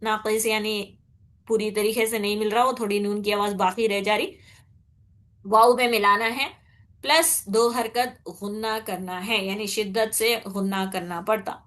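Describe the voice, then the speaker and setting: A woman teaching Quran recitation rules, patiently explaining and checking in with her students, then demonstrating with slow, drawn-out nasal recitation. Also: medium pitch, fairly even intonation, a bit bright. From India. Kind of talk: tajweed lesson.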